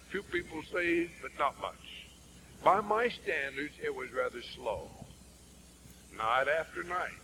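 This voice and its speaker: A traveling evangelist spins a folksy, humorous sermon story in a fairly high male voice. He talks in lively swings, and faint noise hums behind him.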